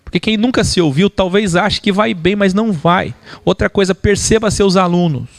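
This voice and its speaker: A man from Brazil gives an animated lecture to church teachers, now and then mimicking preachers. His voice sits a little high and has a gravelly, fry-tinged edge. The sound is dry and close. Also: normal speed, no echo.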